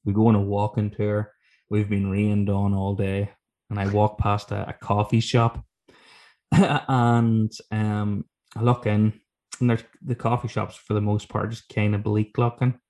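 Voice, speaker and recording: Guy from ireland, lowish voice, rambling sweary storytelling, just chatting. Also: little pitch movement, unhurried, a little mellow. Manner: rambling, self-deprecating, sweary. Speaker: guest author telling stories from his book. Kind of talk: casual anecdotal chat.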